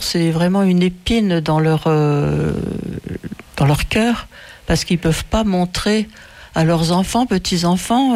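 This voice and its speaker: An older man in a conversational interview, asking questions and reflecting with hesitant pauses. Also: a little high, gravelly, darkish tone.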